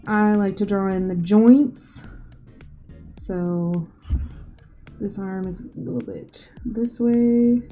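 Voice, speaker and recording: Faint music plays beneath this art tutorial host's voice-over, which is fairly low-pitched and dark. She chats casually through the drawing lesson and pokes gentle fun at herself along the way.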